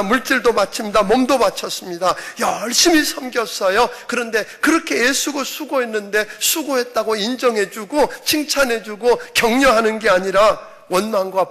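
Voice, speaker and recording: A man's voice: sits high, a bit bright. A middle-aged man preaching a sermon as senior pastor, emphatic, often acting out quoted voices.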